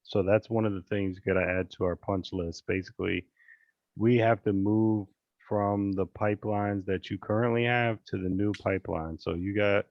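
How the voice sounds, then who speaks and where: A man coaching on a casual screen-share call, chatty and relaxed, with many fillers and restarts. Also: lowish voice, normal speed, no echo, muffled recording. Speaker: real estate investing coach. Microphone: video call.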